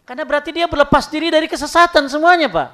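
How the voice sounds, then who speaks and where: A man's voice: extremely high pitch, racing. A man giving an informal sermon, telling stories and acting out dialogues. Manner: lively storytelling, acts out dialogues. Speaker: preacher.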